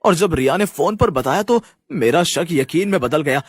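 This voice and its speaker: A man's voice: a little high, expressive, normal speed, husky. A man voicing a worried but firm young husband in a cartoon story. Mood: earnest.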